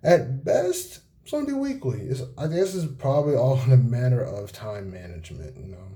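A nineteen-year-old man hosting a casual solo podcast, talking in a laid-back monotone with many fillers and pauses, recorded on a cell phone. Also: mid-range voice. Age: young adult. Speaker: podcast host.

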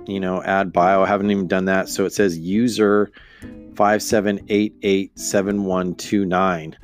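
A man with a low voice hosts a casual solo podcast over music. He meanders and hesitates, thinking aloud as he goes. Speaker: podcast host.

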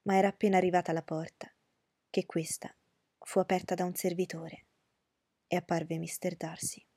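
A woman reading a novel aloud in a measured, even manner as audiobook narrator. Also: lowish voice, breathy edge, no room sound. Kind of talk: scripted narration.

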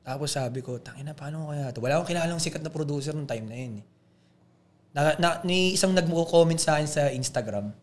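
A young man with a voice sitting a little above the usual male pitch, talking as a podcast guest. He rambles in a loose, animated, casual way. His talk is heavy with slang fillers. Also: fast. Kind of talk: casual storytelling chat.

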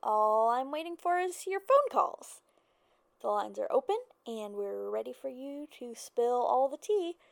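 A woman playing a small-town call-in radio host, with a smooth, breezy, chatty radio-host delivery. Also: fairly high pitch, lively intonation, unhurried, no echo. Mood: chipper.

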